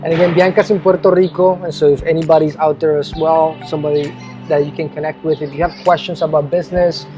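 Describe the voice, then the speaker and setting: A man's voice: on the high side, little pitch movement, fast, mellow, lo-fi sound, faint music behind. A man hosting a casual interview, upbeat and encouraging, often restarting his questions. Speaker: interviewer, host. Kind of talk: casual interview, video intro.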